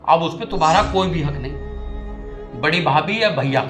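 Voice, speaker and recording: A man plays a young husband in a family comedy skit who talks in a fairly high voice. He scolds and lectures insistently, standing loyally by his elder brother. Soft music plays faintly underneath. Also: animated, a little slow. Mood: stern. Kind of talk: scripted family comedy scene.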